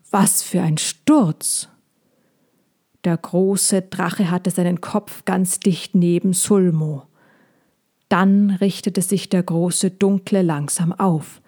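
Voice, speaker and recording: A woman reading a children's story aloud, calm and unhurried, with brief livelier character lines. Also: on the low side.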